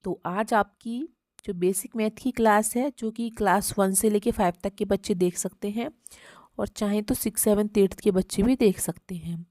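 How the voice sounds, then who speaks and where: A woman's voice: mid-range voice, steady tone, moderate pace, mellow, no echo. A woman teacher giving a simple maths lesson to young children, patiently counting aloud and speaking to them kindly as "beta".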